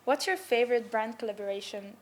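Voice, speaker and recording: Young woman from Slovenia, fairly high voice, casual chatty creator, filler-heavy and upbeat. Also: fairly quick, slight background noise. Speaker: filmmaker and content creator. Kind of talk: casual conversation.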